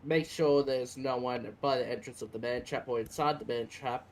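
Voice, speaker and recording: A man with an average-pitched voice explains rules in a matter-of-fact manner. His delivery is halting, as if recalling a procedure in a roleplay game. Faint noise sits on the voice chat. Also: steady tone. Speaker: player acting as a prison officer in an online roleplay. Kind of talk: explaining procedures, partly reciting.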